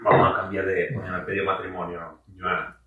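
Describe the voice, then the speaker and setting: A man's voice: sits low, little pitch movement, narrow, tinny audio. A man jokes around in a casual chat. He keeps jumping in with teasing remarks. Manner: quick, teasing banter, jumps in often. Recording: very echoey room, mic at a distance.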